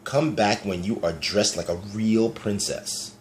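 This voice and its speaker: A man voicing a haughty young prince who scolds in a slow, sneering tone in a read-aloud storybook. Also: fairly low pitch, a little hiss or hum, natural voice.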